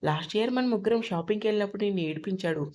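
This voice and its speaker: A woman's voice: mid-range voice, rapid-fire, mellow, lightly acted. A woman voicing a timid young woman in an audiobook story, talking nervously and hurriedly.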